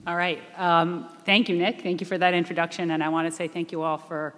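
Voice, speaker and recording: A woman's voice: fairly low pitch, little pitch movement, fairly quick. Poised woman speaking in an echoey hall. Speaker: chief investment officer. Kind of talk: panel answer. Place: reunion event hall.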